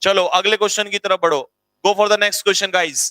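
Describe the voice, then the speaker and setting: A man leads an online vocabulary class with brisk energy, spelling words letter by letter and repeating answers for his students. His voice sits high and sounds bright and forceful. The recording is dry and close, with no room sound. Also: fairly even intonation, dry recording. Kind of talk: live online lesson.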